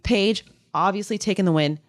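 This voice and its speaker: A woman's voice: medium pitch, moderate pace, dry recording, studio quality. A young woman co-hosting a podcast, chatting casually and laughing as she reads out trivia questions and recaps matches. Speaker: podcast co-host.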